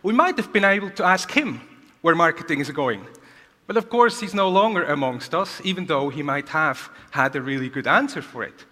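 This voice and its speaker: A man giving an energetic conference keynote to a large audience, asking rhetorical questions, heard in a reverberant hall. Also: on the high side, normal speed. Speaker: keynote speaker.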